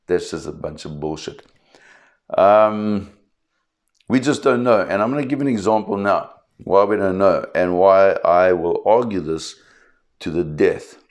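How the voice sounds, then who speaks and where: A South African man in his fifties, a shark expert explaining to camera with an emphatic, animated storytelling manner. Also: low voice. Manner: emphatic, animated storyteller who acts out quotes.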